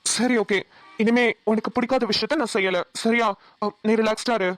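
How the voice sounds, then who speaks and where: A woman voicing a patient young husband in a cartoon, speaking softly and apologetically. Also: a little high, fairly even intonation, normal speed, no room sound, natural voice. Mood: coaxing. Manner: soft, coaxing, apologetic. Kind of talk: cartoon voice acting.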